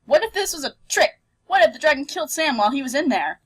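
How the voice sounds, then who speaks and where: This woman's voice sits high and moves fast as she hosts a let's play with playful expressiveness. She switches back and forth between reading the game's text aloud and offering casual remarks.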